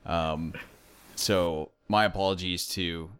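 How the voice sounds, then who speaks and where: Casual male interviewer, slightly low voice, jokey, pokes fun at himself. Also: fairly even intonation, slow pace, fairly bright tone, smooth. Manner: joking, self-deprecating.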